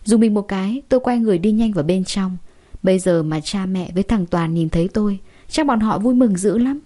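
A woman's voice: mid-range voice, fairly quick, warm tone. A woman narrating a first-person story in an emotive, chatty way.

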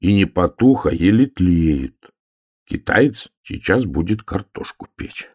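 Guy playing a husky little bear cub, slow and bossy, low and dry. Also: lively intonation, darkish tone, no echo, exaggerated voice. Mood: calm. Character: self-important little bear cub, patient and stern.

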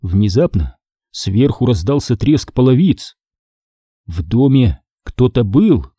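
A man's voice: mid-range voice, very animated, takes it slowly, warm tone, husky, dry recording, clean studio sound. A man narrating a horror audiobook in a suspenseful, scripted way.

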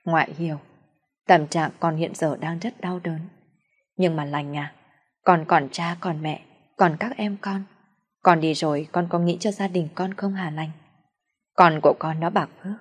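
A gentle old grandmother's voice, as a woman reading an audio story puts her on, soft, tender and pleading. The tone is low-pitched and husky, unhurried in its kindness. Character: gentle elderly grandmother spirit consoling granddaughter.

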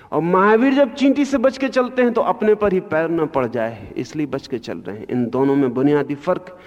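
A man giving a spiritual discourse, speaking slowly and with emphasis, his voice rising sharply on key points, in a lo-fi archival recording. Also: on the high side, a little mellow. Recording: lo-fi archival recording in a long-reverb hall.

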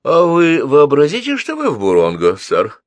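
A man's voice: on the high side, wildly swooping pitch, moderate pace, no echo, voice pushed up. A man voicing a bold, cheeky teenage boy who taunts with mock politeness in an audiobook.

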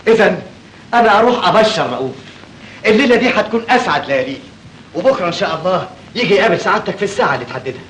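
An actor playing a polite, deferential young Egyptian gentleman, speaking Egyptian Arabic. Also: high voice, lively intonation, racing, hardly any pauses, slight background noise, poor audio. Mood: courteous. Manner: courteous, deferential. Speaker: friend of the hero.

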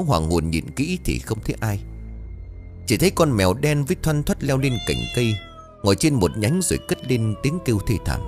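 A man narrating a ghost story in a dramatic, expressive storytelling style. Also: fairly low pitch.

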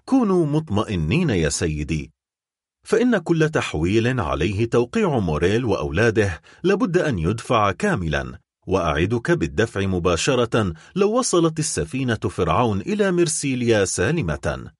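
A dignified shipowner near ruin, his voice quavering as he fights to keep it steady, as a male reader puts him on. The delivery is husky and rises and falls a lot. It sounds close and dry. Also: fairly low pitch, moderate pace, no room sound, full character voice. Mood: strained. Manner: trembling voice held steady.

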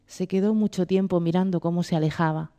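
A woman narrating a storybook tale aloud in a gentle, measured reading voice. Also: fairly low pitch, steady tone. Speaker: story reader.

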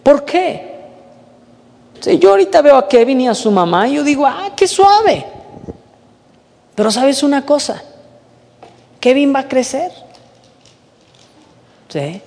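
A man's voice: very high-pitched, expressive, measured pace, gravelly, long pauses, a little mellow, big-room sound. A man preaching a sermon, earnest and often checking in with his listeners. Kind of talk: sermon with retold story.

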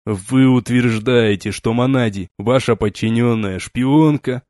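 A stern, weary starship captain, as a male reader plays him, speaking in low, slow, measured commands. The sound is dry and close to the mic. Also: a little mellow, no echo, close to an everyday voice. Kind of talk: audiobook character reading.

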